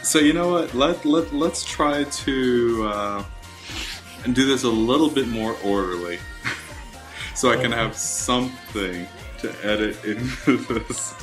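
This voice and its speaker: A man hosting a casual podcast interview, halting a little and repeating words as he starts his questions. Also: mid-range voice, over music. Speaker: podcast host.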